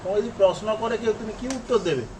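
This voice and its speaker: A man's voice: high voice, animated, rapid-fire, darkish tone, slight background noise, rough recording. A man teaching an English grammar lesson in a classroom style. He asks questions and answers them himself, and he repeats his examples patiently.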